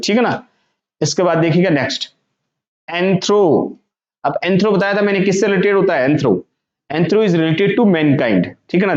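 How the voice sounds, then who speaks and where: A male vocabulary teacher, slowly spelling out and repeating words for students. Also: high voice, a little mellow. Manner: repetitive, drawn-out words, frequent "theek hai na". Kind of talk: classroom lesson, spelling out pronunciations. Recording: echoey room, dull lo-fi sound.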